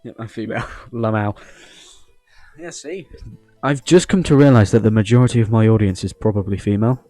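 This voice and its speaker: An English host of a gaming channel offers loose, rambling playthrough commentary, cracking cheeky jokes and voicing the game's dialogue aloud. His deep, dark voice moves a little fast. There's no echo, just soft background music.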